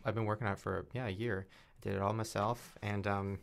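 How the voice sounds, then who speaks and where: A man's voice: on the low side, flat delivery, a little fast, vocal fry. A young man in his twenties, a podcast guest, chatting candidly and mocking himself, laughing easily. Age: 20s. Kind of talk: casual chat.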